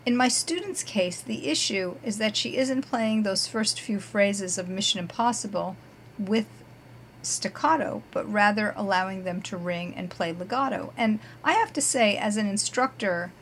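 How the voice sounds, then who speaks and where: A woman guitar teacher hosting her own podcast, talking in a chatty, upbeat way and warmly stressing her praise for students. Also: mid-range voice, moderate pace, slight background noise. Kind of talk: casual scripted podcast segments.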